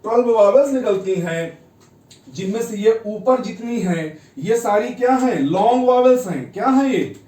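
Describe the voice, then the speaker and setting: A man's voice: sits high, moderate pace, dark tone, far from the mic. A man teaching a shorthand lesson, explaining step by step and often checking with the class in a repetitive way. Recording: echoey room, off-mic.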